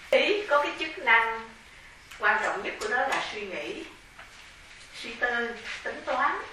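A Buddhist nun's bright, clear voice rings out in a large, strongly echoing temple hall, caught from a distant mic. She explains things slowly and methodically, like a teacher, and a faint hiss sits underneath. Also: mid-range voice. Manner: measured, explanatory, spelling out terms. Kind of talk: dharma lecture.

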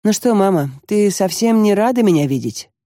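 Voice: mid-range voice, expressive, moderate pace, dark tone, no echo, studio quality, pitched above the performer's own voice, lightly acted. An audiobook narrator voicing a troubled middle-aged man, talking in a brooding, confessional way.

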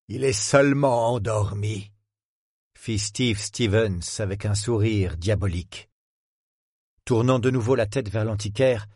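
A man narrating a thriller audiobook in a steady, measured way, close to the microphone. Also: on the low side, slightly rough, no room sound. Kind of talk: scripted narration of a thriller novel.

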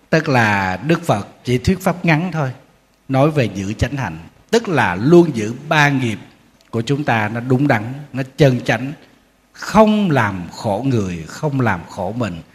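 A man giving a Buddhist dharma talk as a monk, telling anecdotes in an animated, humorous way. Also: mid-range voice. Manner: storytelling, animated, acting out quotes with humor. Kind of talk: sermon. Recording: long hall reverb.

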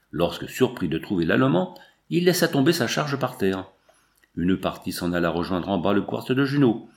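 A man narrating a novel aloud in a measured, literary storytelling manner. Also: mid-range voice, vocal fry, darkish tone. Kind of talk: audiobook reading of a novel.

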